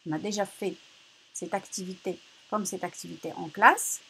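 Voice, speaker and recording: A female teacher leading a reading lesson for children, slowly repeating words and stressing each syllable loudly. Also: lowish voice, fairly even intonation, vocal fry, breathy edge, rough recording.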